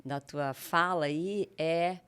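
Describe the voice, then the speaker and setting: A woman's voice: deep voice, slow, fairly bright tone, smooth. A woman interviewing a guest, reflective and thinking aloud as she draws lessons from the story. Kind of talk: conversational podcast interview.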